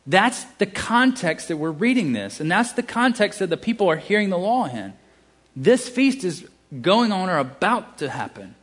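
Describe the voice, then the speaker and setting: Man, Southern US accent, preacher, sermon, emphatic with casual asides, slightly high voice. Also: sing-song, normal speed, a bit bright.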